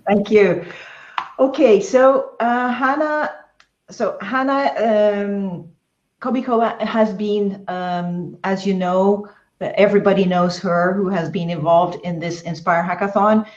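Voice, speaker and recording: A woman moderating an online event, talking with many fillers and pauses over a video call. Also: medium pitch, fairly even intonation, a little mellow. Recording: roomy, dull lo-fi online call.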